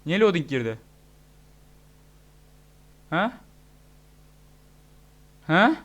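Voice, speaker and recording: A young man giving excitable, joking let's-play commentary, shouting at the game. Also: on the high side, extremely slow. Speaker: gaming YouTuber.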